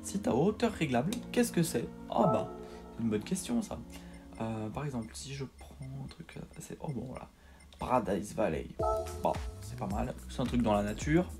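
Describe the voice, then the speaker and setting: Man, casual game-tutorial host; halting, filler-heavy delivery at an ordinary pitch, faint music underneath. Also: very animated. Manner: hesitant, filler-heavy, repeats words; self-deprecating. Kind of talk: casual screen-capture tutorial voice-over.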